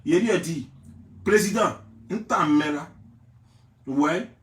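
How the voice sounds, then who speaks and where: High-voiced Ivorian man ranting sarcastically. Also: slow pace. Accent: Ivorian French. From Côte d'Ivoire. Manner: theatrical and sarcastic, often shouting. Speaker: gossip vlogger. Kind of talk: mocking gossip rant to camera. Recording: roomy, mic at a distance.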